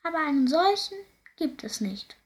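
Woman doing a high plaintive ghost squire. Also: big pitch swings. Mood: mournful. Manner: high, plaintive and slow, sighing. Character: sighing remorseful male ghost of an old squire.

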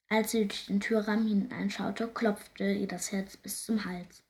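A woman reading a fairy tale aloud, gentle and often hushed. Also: medium pitch, gravelly. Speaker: storyteller.

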